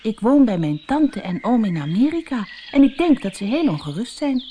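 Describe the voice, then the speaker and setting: A woman's voice: a little high, sing-song, normal speed, warm tone, a little hiss or hum, voice pushed up. A woman doing a stammering startled little girl. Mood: polite.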